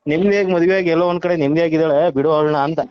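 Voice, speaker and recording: A man receives a phone call, humoring the caller at first and then scolding him, humming along often throughout. His voice is fairly high-pitched and clean-toned, with a steady tone, and he talks at a racing pace. The phone call audio is muffled.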